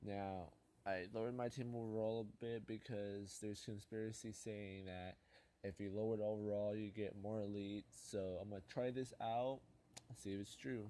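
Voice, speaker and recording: A man's voice: on the low side, steady tone, moderate pace, mellow. A young man hosting a gaming channel, opening card packs in casual commentary and muttering dejected complaints about his pulls.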